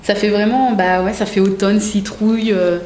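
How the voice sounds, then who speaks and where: A young woman chatting in a casual unboxing vlog, gushing over each item with plenty of fillers. Her voice sits at an ordinary pitch and carries a roomy echo from the room around her. A faint hum of ambience stays under her talk. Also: steady tone, normal speed, mellow. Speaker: vlogger.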